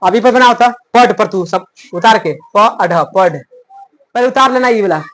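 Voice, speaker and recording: A man's voice: high-pitched, normal speed, a bit bright. A man teaching a Sanskrit grammar lesson in plain, rustic talk. He keeps asking a question and then answering it himself as a drill. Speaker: Sanskrit tutor.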